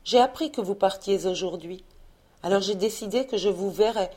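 A woman voicing a brave, gentle young peasant woman who speaks earnestly and pleadingly. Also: medium pitch, normal speed, natural voice.

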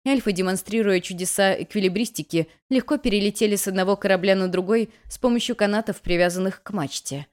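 A woman narrating a first-person fantasy audiobook in a lively, expressive reading style. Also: mid-range voice, quick pace, few pauses.

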